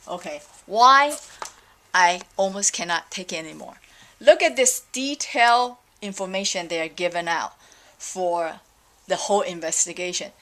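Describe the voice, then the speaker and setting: In her vlog, a middle-aged woman from Taiwan rants casually about her opinions, wandering off track, exasperated and packing in fillers. Her fairly low voice comes across pushed and bright.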